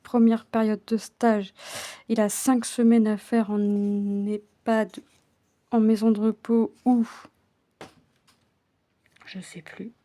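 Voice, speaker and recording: A woman chats casually about her day as she works her needle through a cross-stitch. Her voice is warm and mellow. She stumbles over words and slips into hushed, half-whispered asides. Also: medium pitch, level tone, takes it slowly, long pauses. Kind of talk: casual chat while stitching.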